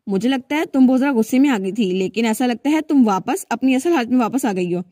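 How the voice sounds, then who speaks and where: A woman voicing Noel, a calm young man who gently and politely soothes an angry woman. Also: a little high, fast talker, no echo, clean studio sound.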